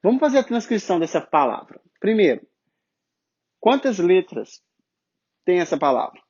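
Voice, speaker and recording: A man's voice: high-pitched, sing-song, a little mellow, slightly rough. Brazilian male teacher, patient step-by-step explainer, slightly dull recording. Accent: Brazilian Portuguese. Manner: explains step by step, repeats sounds slowly to demonstrate. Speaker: English pronunciation teacher. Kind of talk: online phonetics lesson.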